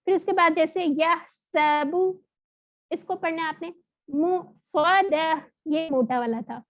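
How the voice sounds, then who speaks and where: A woman teaching an online recitation lesson, explaining patiently and sounding out letters slowly. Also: extremely high pitch. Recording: dull lo-fi audio.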